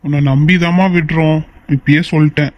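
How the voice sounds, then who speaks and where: Brief: man playing firm scolding friend, slightly high voice, dry sound. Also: fairly even intonation, a little fast, dry recording, highs cut off, close to an everyday voice. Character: young man, stern loyal friend. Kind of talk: Tamil cartoon voice acting.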